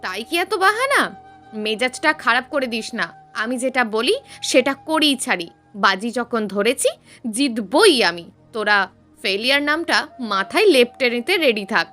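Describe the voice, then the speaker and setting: Casting: a woman doing taunting college girls in an audio story, bright and lively. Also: on the high side, measured pace, soft background music, heavily acted. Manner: mocking, goading. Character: teasing young female college friends.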